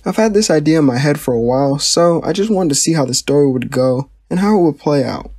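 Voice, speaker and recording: A man's voice: a little high, expressive, fast talker, mellow, dry recording, studio quality. A young man hosting his channel and narrating a fan story in a casual, plain way. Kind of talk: reading a fan story aloud.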